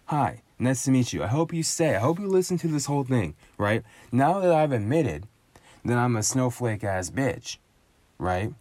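A man's voice: mid-range voice, sing-song, normal speed, darkish tone, no echo. Sardonic man ranting up close, dry sound. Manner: sardonic, profane, riffing with emphatic asides. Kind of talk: casual solo monologue rant.

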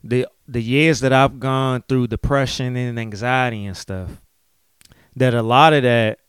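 A man's voice: medium pitch, fairly even intonation, a little slow, clean tone, no echo, studio quality. A man in his late thirties, a podcast host, talking candidly and emotionally about his life, often adding "you know what I'm saying". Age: late 30s. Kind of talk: candid personal podcast talk.

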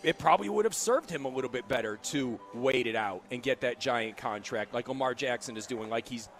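A man co-hosting a sports talk radio show from a casino sportsbook, speaking in an enthusiastic, animated way. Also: medium pitch, brisk, soft background music.

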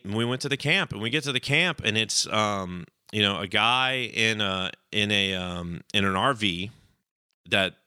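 Bright-voiced man telling a story. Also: clean tone, no room sound, studio quality. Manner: rambling, acts out quoted voices with raised pitch. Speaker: podcast host telling his story. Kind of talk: casual storytelling.

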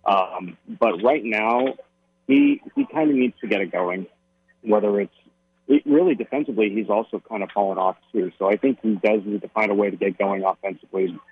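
A male sports reporter giving halting analysis as a radio guest over a dull, noisy phone call. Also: fairly low pitch, lively intonation, slightly rough. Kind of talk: live phone interview. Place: busy airport.

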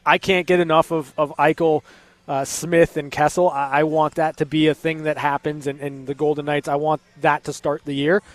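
Higher-voiced male sports co-host, dry studio sound. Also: level tone, no room sound. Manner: halting, repeats words as he thinks aloud. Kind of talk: casual sports talk, hockey analysis.

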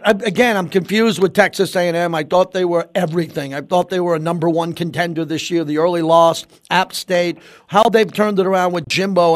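Speaking into a close studio mic with no echo, this high-pitched American man hosts sports talk radio, pressing his opinions hard and repeating phrases to drive them home.

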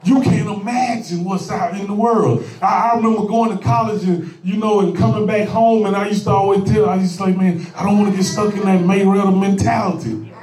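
A man preaching a sermon as pastor, with a rising call-and-response cadence that swells into shouts. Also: high-pitched, little pitch movement, fast talker, echoey room, distant mic, soft background music.

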